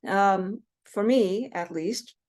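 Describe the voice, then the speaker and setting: A woman from Seattle with a US West Coast accent, giving a relaxed recorded lecture with many fillers and slowing down on example words. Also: mid-range voice. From Seattle, Washington State, US West Coast. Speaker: teacher.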